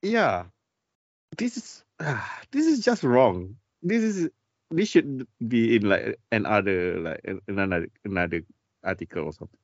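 Halting, laughing man on a lo-fi podcast. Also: lowish voice, very animated, dry recording. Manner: halting, repeats himself, laughs often. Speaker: podcast co-host. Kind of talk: casual chat. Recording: dry, dull lo-fi sound.

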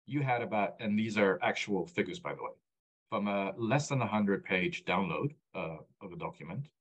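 This guest on a conversational podcast interview is a man of Egyptian background raised abroad who founded a data platform. His voice is on the low side and animated, at a moderate pace with a breathy edge, and he earnestly explains his data work, repeating his main points and often starting over.

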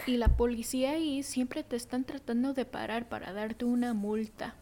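A woman co-hosting a casual podcast, talking hesitantly with many ums and pauses. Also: on the high side, fairly even intonation, dark tone, slight background noise. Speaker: podcast co-host. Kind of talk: casual chat.

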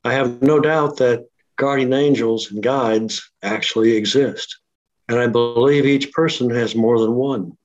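A man reading his memoir aloud at a steady, measured pace, his voice coming through a laptop speaker on a remote line. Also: medium pitch, faint music behind. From Oklahoma City. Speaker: guest author. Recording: dull lo-fi remote audio.

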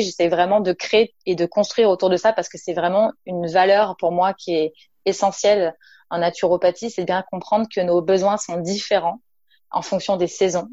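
A lowish, warm voice marks this casual interview with a naturopath and entrepreneur from Nice in southern France. She is chatty, hesitant and full of fillers, addressing the listener informally, in a dry recording with dull audio.

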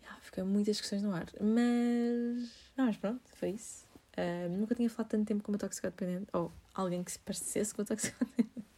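Fast-talking woman. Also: mid-range voice, mellow. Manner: chatty, laughing, heavy filler use. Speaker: vlogger. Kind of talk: casual storytelling to viewers.

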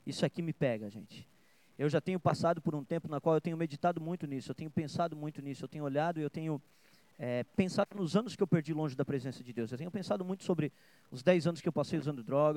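A man's voice: on the high side, a little mellow, dry recording. A middle-aged man with a Brazilian Portuguese accent preaching a sermon as a pastor, conversational at times and swelling into fervent, emphatic passages.

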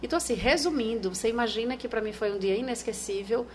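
Northeastern Brazilian woman, ex-anchor guest, animated storyteller, higher voice. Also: fast talker, a little hiss or hum. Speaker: guest, former TV news anchor. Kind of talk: conversational interview.

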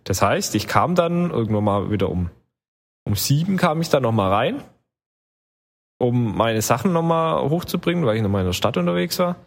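A man's voice: mid-range voice, sing-song, normal speed, creaky. A man telling a long travel story in casual chat, rambling with many fillers. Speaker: podcast co-host telling travel stories.

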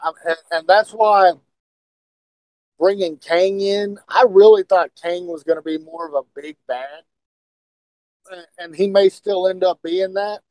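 A man co-hosting a casual podcast, talking excitedly and speculating, often stumbling and repeating words. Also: sits high, measured pace, dry recording, low-quality recording. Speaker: podcast co-host.

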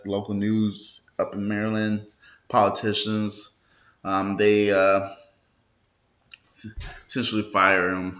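A man's voice: low voice, bright, forceful tone. A young man talking in a casual, rambling vlog style, hungover, sluggish and loose, with plenty of slang. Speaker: host of a local social media show. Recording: dull lo-fi sound.

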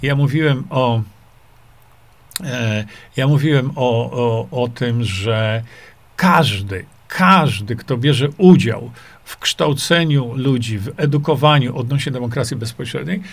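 A man's voice: mid-range voice, takes it slowly. A middle-aged man hosting a livestream, reading viewer comments aloud and answering them in a rambling, dismissive way, with many fillers and repeated rhetorical questions. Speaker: livestream host.

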